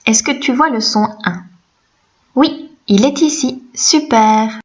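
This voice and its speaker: French lady teacher doing a kids reading lesson, kinda high voice, gentle and encouraging, bit muffled lo-fi sound. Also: slow. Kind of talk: reading lesson for young children.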